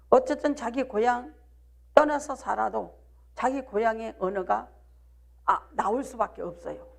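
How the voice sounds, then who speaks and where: Speaking in a Jeolla accent, a woman pastor from South Jeolla, Korea, preaches live at a midweek service, challenging the congregation with rhetorical questions and demands of "do you believe?" The voice is slightly high, creaky and darkish.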